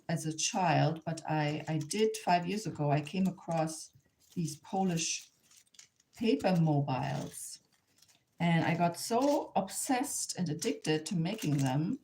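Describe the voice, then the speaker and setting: The audio is poor as a woman from Germany, an artist and craft instructor, gives a casual hands-on craft demo in English as a second language. Her German-accented voice is fairly low and a little mellow, and she sometimes halts and repeats herself while searching for words.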